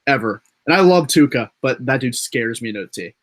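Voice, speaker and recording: A young man hosting a casual sports podcast, excitable and talking in bursts of emphasis. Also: medium pitch, brisk. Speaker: podcast host.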